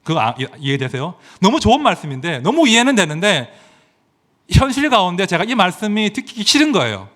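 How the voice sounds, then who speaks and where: Lively, emphatic middle-aged male pastor. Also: high-pitched, a little fast. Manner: emphatic, animated preaching that swings from loud exclamations to quiet asides; asks the congregation rhetorical questions. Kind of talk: sermon.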